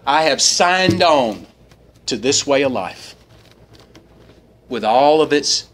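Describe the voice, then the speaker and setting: A man sharing his personal recovery story at a meeting, animated and storytelling, jumping up in pitch when he quotes people. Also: takes it slowly. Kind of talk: personal testimony talk. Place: meeting hall.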